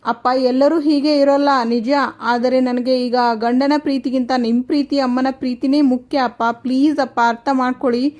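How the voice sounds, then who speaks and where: A heartbroken young woman pleading earnestly with her father after her fiancé betrays her, read by a woman narrator. The voice is high and bright, with a plain, steady storytelling delivery. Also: a little fast, few pauses, close to an everyday voice.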